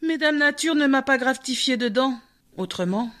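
A woman's voice: sits high, expressive, moderate pace, bright, forceful tone. A woman voicing a strong male elk who speaks with a rueful sigh in a storybook reading. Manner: sighing.

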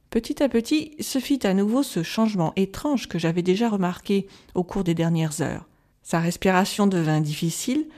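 A woman reading a gothic novel aloud as an audiobook, calm and measured, softly voicing the quoted lines. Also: on the low side. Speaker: audiobook reader. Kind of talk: scripted narration of a gothic novel.

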